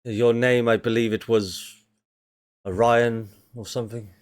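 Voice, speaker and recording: A man voicing a haughty noblewoman who speaks in a measured, slightly aloof way. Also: medium pitch, little pitch movement, close to an everyday voice.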